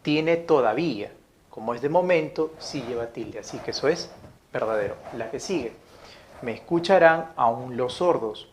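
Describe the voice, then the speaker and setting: A medium-pitched man teaches a grammar lesson, reading each example sentence slowly, saying it twice, and checking in with his listeners. A little hiss or hum is audible.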